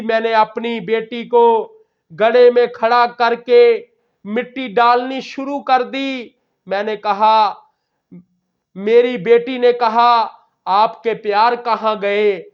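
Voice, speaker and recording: Man, preacher, Friday sermon, impassioned storytelling, high voice, dull lo-fi sound. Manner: impassioned, retelling stories with dramatic quotes. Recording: dull lo-fi recording.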